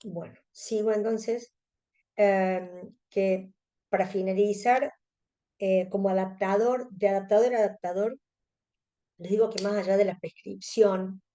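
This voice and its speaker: Speaking with a Cordobese Argentine Spanish accent, this woman from Córdoba, Argentina is a contact lens specialist presenting a webinar to colleagues. She explains at a measured pace in a steady, mellow, mid-range voice.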